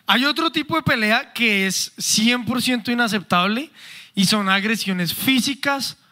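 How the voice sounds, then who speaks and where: Lively joking man preaching a sermon. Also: very high-pitched. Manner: animated, joking, acts out quick examples. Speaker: pastor. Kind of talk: sermon with playful banter.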